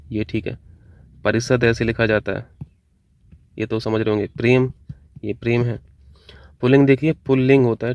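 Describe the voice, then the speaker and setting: Man teaching a brisk Hindi spelling lesson. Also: medium pitch, darkish tone, no echo. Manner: brisk, repetitive, correcting words one by one. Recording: dull, dry lo-fi recording.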